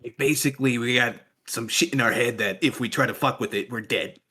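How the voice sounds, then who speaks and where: Husky bright-voiced male player. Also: mid-range voice, fairly quick. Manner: casual, swearing. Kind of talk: casual tabletop play.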